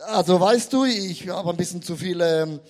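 A man's voice: sits high, normal speed, a little mellow, pitched below the performer's own voice, close to an everyday voice. A preacher voicing lazy young eaglets who stammer out excuses to their mother. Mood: whiny, hesitant. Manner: hesitant, excuse-making, stammering.

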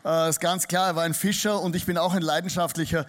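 Austrian-accented pastor preaching with high voice. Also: male voice, steady tone, fast talker. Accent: Austrian German. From Austria (Styria). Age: middle-aged. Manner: chatty, joking, self-deprecating. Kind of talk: sermon. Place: church hall before a congregation.

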